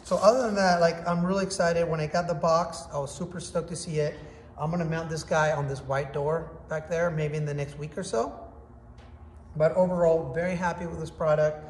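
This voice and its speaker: Brisk and steady in tone, with a voice on the high side, this man in his thirties records a lively, casual product review on his phone. He demonstrates with his hands in an indoor workshop whose hard walls create echo, and faint background noise is audible.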